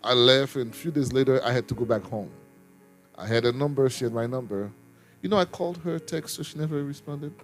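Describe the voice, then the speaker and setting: A man's voice: mid-range voice, a little fast, soft background music. A man who serves as an apostle, sharing a personal testimony in a ministry talk, earnest and repeating his words as he tells the story.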